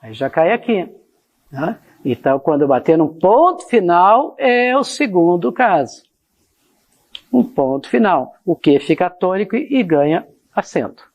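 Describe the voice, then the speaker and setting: Lady teacher going over grammar, talks slow, keeps asking "got it?", voice jumps up and down a lot. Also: lowish voice, sing-song, a little mellow. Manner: explanatory, addresses students directly with frequent checks like "tá?" and "ó"; reads example sentences aloud with exaggerated intonation. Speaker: Portuguese teacher. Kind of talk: classroom grammar lesson.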